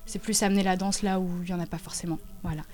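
A woman in her twenties, a dancer and choreographer, talks about her work in a casual interview, halting often as she searches for words. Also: lowish voice, steady tone, darkish tone. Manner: halting, with many hesitations.

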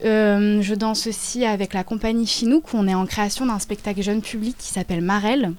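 A woman in her twenties, a dancer and choreographer, talks about her work in a casual interview, halting often as she searches for words. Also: medium pitch, fairly even intonation, darkish tone. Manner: halting, with many hesitations.

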